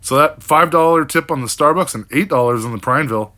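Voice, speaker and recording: A man's voice: a little high, fast, sharp tone. An older man giving a casual, rambling recap vlog as a delivery driver, frank and full of fillers. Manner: rambling, frank, with frequent fillers and mild cursing.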